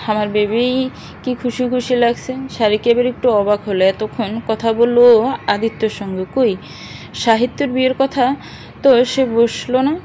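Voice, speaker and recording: A woman's voice: a little high, steady tone, measured pace, mellow, a little hiss or hum, poor audio. Woman narrating an audio story. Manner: reads all characters in one voice with dialogue.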